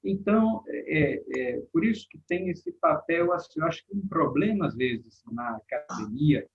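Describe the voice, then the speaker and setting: Husky-voiced guy on a muffled call, thinking out loud, lots of pauses and restarts. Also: a little high, lively intonation. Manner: thinking aloud with many fillers and restarts. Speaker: guest teacher in a panel talk. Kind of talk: casual panel discussion.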